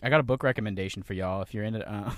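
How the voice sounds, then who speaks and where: A young man co-hosting a podcast in casual chat, relaxed and laughing, sometimes trailing off quietly. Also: on the low side, racing, dry recording. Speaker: podcast co-host.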